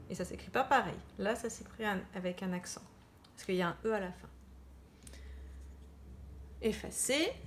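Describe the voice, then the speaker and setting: Slow, deliberate woman teacher. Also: mid-range voice. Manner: slow, deliberate, spells out words and repeats them. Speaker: primary school teacher. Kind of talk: slow dictation lesson for children.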